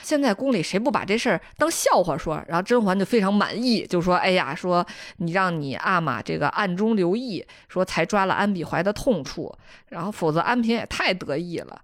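A woman hosting a podcast, retelling a TV drama's plot in a casual, lively way and acting out the characters' lines with a northern style lilt. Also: on the low side, brisk, dry recording, clean studio sound. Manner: animated storyteller, acting out dialogue lines. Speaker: podcast host.

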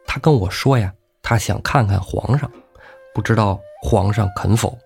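A man's voice: fairly low pitch, moderate pace, vocal fry, a little mellow, soft background music. A man voicing a sweet-talking young courtesan woman in a storytelling show. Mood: coaxing.

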